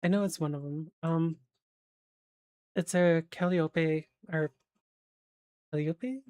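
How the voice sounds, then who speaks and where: A woman's voice: low-pitched, fairly even intonation, slow pace, darkish tone, clear, resonant tone, no room sound. A woman streamer chatting casually, rambling with lots of fillers and the odd swear, checking facts aloud as she goes.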